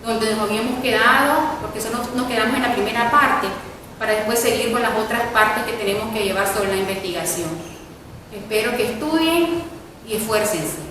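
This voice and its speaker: A woman's voice: a little high, fairly quick, noisy background. A woman teacher giving a spelling lesson, repeating points and often checking in with the class. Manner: repetitive, checks with students using ¿verdad?. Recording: echoey room, mic far off.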